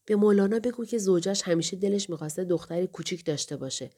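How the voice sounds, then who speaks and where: A woman voicing a kind young woman's spirit who speaks softly and reassuringly. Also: fairly low pitch, husky. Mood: coaxing. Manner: soft, reassuring, whispering.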